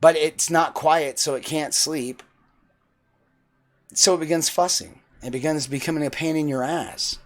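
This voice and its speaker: A man in his forties lectures bluntly, swearing freely as he drives his point home. His voice sits a little high for a man. Faint music plays softly under him. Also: steady tone, measured pace. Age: 40s. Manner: blunt, profane, preachy. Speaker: vlogger. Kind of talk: opinionated monologue.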